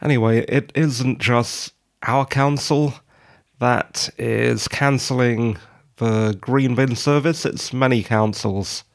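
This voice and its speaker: Casting: British male podcast host, croaky morning voice, unhurried pace, wry and wordy informal monologue. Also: mid-range voice. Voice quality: croaky, froggy just-woken voice. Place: quiet study at home.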